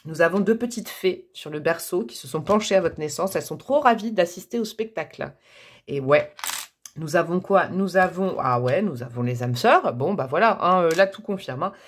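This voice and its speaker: A tarot card reader with a fairly low, expressive voice does a casual reading at a moderate pace. She's chatty and playful, joking and laughing at herself while speaking straight to her viewers, coaxing and encouraging them.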